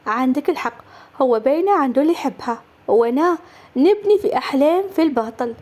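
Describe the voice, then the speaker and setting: A woman's voice: sits high, animated, fast talker, a little mellow. A woman voicing a lovesick young woman in a told story, pleading and earnest. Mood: tearful, pleading.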